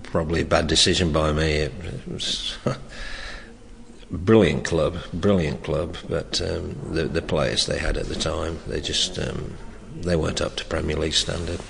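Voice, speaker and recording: An older man, once a soccer coach, looks back on his life in an oral history interview, his bass voice loud and marked by vocal fry. He keeps a level tone and a measured pace, yet he hesitates, restarts his sentences and chuckles often. The recording carries a long reverb and faint background noise.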